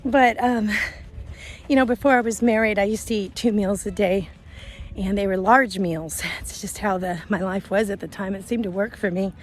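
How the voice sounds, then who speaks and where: A woman's voice: mid-range voice, moderate pace. A woman in her fifties talking casually while walking outdoors, a little out of breath, rambling with fillers. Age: 50s. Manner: chatty, rambling with fillers and self-corrections. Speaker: vlogger. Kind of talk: casual walk-and-talk vlog. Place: outdoors in a grassy field. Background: faint traffic and a passing airplane.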